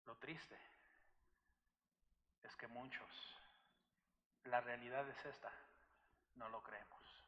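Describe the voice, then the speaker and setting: A man's voice: mid-range voice, steady tone, slow pace, long pauses, pushed and bright. A man preaching a sermon as pastor, telling a story and addressing the congregation as brothers. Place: church sanctuary. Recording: echoey church hall.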